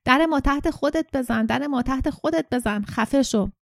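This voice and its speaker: This is a jealous five-year-old boy in a storybook, whiny and defiant, with a raised childlike pitch, as a woman narrator puts him on. The sound is close and dry. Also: steady tone, vocal fry, a little mellow, no room sound. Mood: screaming.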